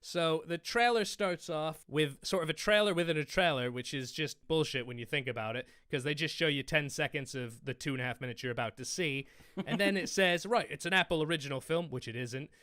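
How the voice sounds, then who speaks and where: A man's voice: fairly high pitch, fairly quick, a bit bright, smooth, dry recording, studio quality. A man hosting a film quiz, sarcastically recapping a movie trailer in casual chat. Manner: sarcastic, mocking. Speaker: quiz show host.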